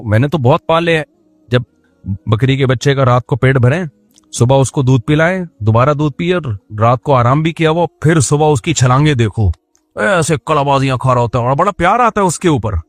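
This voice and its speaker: A man's voice: medium pitch, no echo. A man giving a sermon in a conversational tone, joking and speaking straight to his listeners. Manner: conversational, jokes and asides to listeners. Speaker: Islamic preacher.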